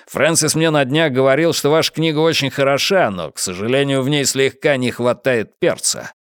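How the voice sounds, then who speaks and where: A man reading an audiobook and voicing a pushy publisher who talks smoothly and coaxingly. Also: medium pitch, moderate pace, no echo, clean studio sound, voice pushed up, lightly acted. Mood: wheedling. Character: pushy male publisher, slick and unbothered.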